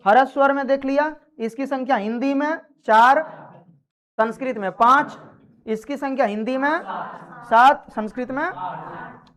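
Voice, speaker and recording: A woman's voice: high voice, a little slow, long pauses, fairly bright tone. A woman teaching a grammar lesson to a class, quizzing her students and scolding them when they act up.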